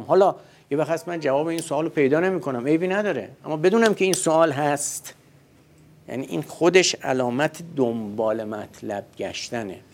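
A man's voice: a little high, gravelly, a little mellow. A man giving a religious lecture in a conversational way, posing rhetorical questions and answering them himself.

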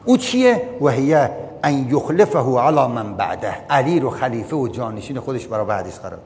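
A man with an expressive, darkish voice delivers a religious lecture, reading Arabic passages aloud, explaining them line by line, and repeatedly questioning his listeners. A long hall reverb and a faint rumble fill the recording.

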